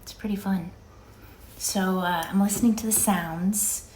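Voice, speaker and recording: Woman in her 50s just musing out loud, rambly vlog chat, super echoey stairwell sound. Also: medium pitch, fairly even intonation, measured pace, slight background noise. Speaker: vlogger. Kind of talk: casual, reflective solo vlog chat. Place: indoor stairwell of a house. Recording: echoing stairwell.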